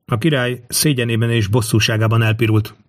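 A man narrating a historical novel in a steady, measured reading voice. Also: medium pitch. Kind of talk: audiobook narration.

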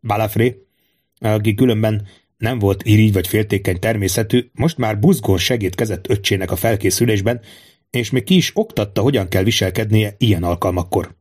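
A man reading a historical novel aloud in steady, measured audiobook narration. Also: lowish voice, husky.

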